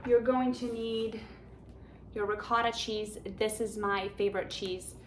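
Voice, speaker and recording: A Polish-accented woman hosts a home cooking show, chatting enthusiastically as she gives step-by-step instructions in her kitchen. Her medium-pitched voice has fairly even intonation and a slightly slow pace. The kitchen recording is echoey, with background noise.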